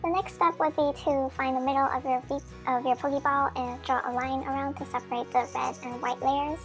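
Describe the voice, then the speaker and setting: A woman's voice: high voice, steady tone, fairly quick, fairly bright tone, faint music behind. A woman's voice sped up into a chipmunk voice, giving a chatty, friendly craft how-to voice-over with small slips. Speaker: craft tutorial maker.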